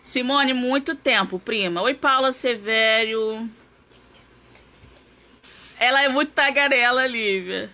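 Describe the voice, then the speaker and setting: Bright high-voiced woman hosting a craft live. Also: takes it slowly, long pauses. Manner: chatty, greets viewers by name, coaxes a toddler. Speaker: live-stream craft host. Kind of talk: casual live-stream chat and craft demo.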